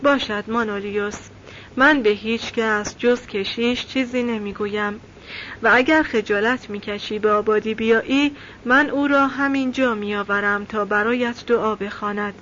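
A woman's voice: a little high, steady tone, a bit bright, lo-fi sound, a little hiss or hum, close to an everyday voice. A woman reading aloud and voicing an anxious young village man who pleads with his friend. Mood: worried pleading.

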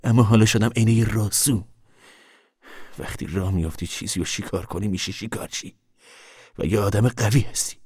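A husky, hunted farmer. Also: male voice, lowish voice, pauses often, a little mellow, dry recording, clean studio sound. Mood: bitter. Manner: wary and urgent. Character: hunted, bitter male squatter farmer. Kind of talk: radio drama acting.

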